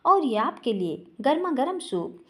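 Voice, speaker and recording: A woman voicing a young man, a devoted son who is quick to anger but pleads earnestly with his mother. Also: sits high, big pitch swings, fairly bright tone, exaggerated voice.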